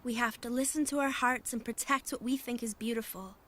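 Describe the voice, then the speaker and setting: Higher-voiced, earnest young student. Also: female voice, fairly even intonation, fairly quick, a bit bright. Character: sincere, idealistic young female student. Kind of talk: dramatic dub acting.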